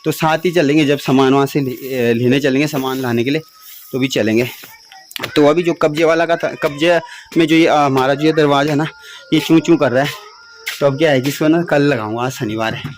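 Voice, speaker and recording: A man's voice: fairly high pitch, brisk, a little hiss or hum. A young man, rambling casually about home and village life in his vlog. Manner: chatty, rambling, laughs at himself. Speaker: vlogger.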